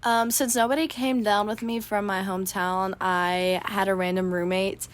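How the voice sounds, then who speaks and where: A woman's voice: mid-range voice, level tone, moderate pace. A young college woman answering interview questions in a composed, articulate way. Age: young adult.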